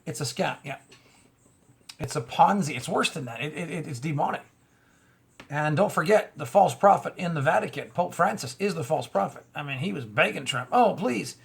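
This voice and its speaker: Male commentator, gravelly and husky, slightly high pitch; reads news then rants back with mocking asides. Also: animated, moderate pace. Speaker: commentator reading and reacting to news. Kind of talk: casual spoken commentary on news.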